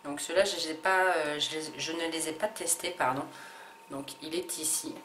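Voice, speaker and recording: A low-pitched woman talks through a beauty haul in a casual, hesitant way, full of fillers and restarts. Her voice rings in an echoey room with a faint hum of ambience behind it. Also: steady tone, normal speed, a bit bright. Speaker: beauty vlogger.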